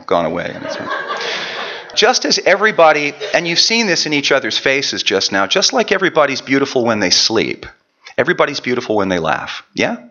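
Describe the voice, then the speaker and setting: Male preacher, wry storyteller, bright forceful tone; dull lo-fi church recording. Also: medium pitch. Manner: storytelling, self-deprecating, chatty asides. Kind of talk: sermon with personal story.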